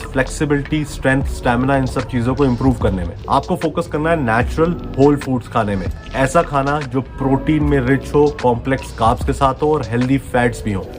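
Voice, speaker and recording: Earnest man turning forty, coaxing. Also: medium pitch. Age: 30s. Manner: earnest, coaxing, mixes English phrases into Hindi. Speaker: fitness coach. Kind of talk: motivational talk to camera. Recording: music playing underneath.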